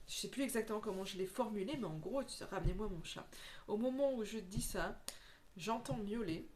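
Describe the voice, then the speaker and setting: A woman's voice: medium pitch, a little hiss or hum. Rambling earnest woman medium. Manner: rambling, many restarts and fillers, earnest. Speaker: medium giving oracle card readings. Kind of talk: casual spiritual vlog chat.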